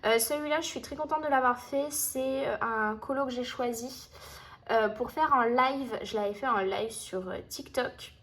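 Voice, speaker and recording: A woman chatting casually to camera about her finished coloring pages, with many fillers and restarts. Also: fairly high pitch. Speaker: coloring hobby vlogger.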